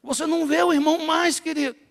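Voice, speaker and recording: A middle-aged man from northeastern Brazil with a Northeastern Brazilian accent, preaching to a congregation with rhetorical questions and swings between loud and hushed. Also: extremely high pitch, steady tone, fast. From Natal, northeastern Brazil. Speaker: pastor. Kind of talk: sermon to a congregation. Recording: long hall reverb in a church.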